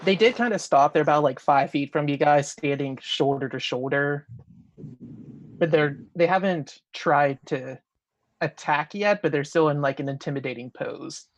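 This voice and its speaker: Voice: mid-range voice, normal speed, dry recording, lo-fi sound. A game master narrating a tabletop role-playing game in a casual, conversational storytelling manner.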